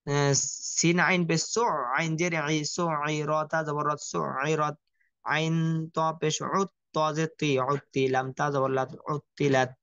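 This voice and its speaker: A man teaching Quran reading, spelling out Arabic letters and vowel marks slowly in a repetitive drill. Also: fairly high pitch, little pitch movement, fairly bright tone, clean tone, no echo. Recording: dull lo-fi dry recording.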